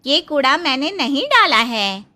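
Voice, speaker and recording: A woman voicing a sharp-tongued middle-aged neighbor who trades sarcastic retorts in a cartoon. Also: sits high, big pitch swings, unhurried, exaggerated voice.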